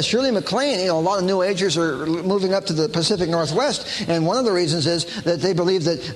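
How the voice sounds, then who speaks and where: A man giving a lively sermon-style talk, animated, often mimicking others in a high mocking voice. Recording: long hall reverb, faint background noise.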